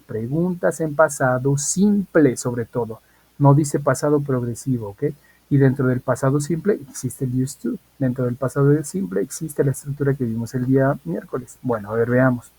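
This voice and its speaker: A man of ordinary pitch with a slightly husky, breathy voice teaches an English class over a computer mic. He is patient and repetitive and keeps checking that his students follow. He speaks as a teacher who is used to talking into a video call. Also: darkish tone, dry recording, low-quality recording. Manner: patient, repeats key points and checks in with "¿ok?". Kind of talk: online class lesson.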